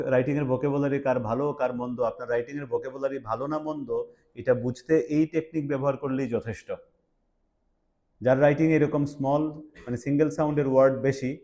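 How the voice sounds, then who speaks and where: A man's voice: medium pitch, mellow, dull audio. A young man teaching an English class, quizzing his students and mixing English words into his explanations. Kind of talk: classroom lecture.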